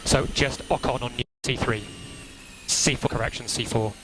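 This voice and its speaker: Calm and methodical, a race engineer talks his driver through procedural briefings, saying the main instructions more than once in a measured tone. His voice sits at a medium pitch, heard through crackly, noisy racing team radio.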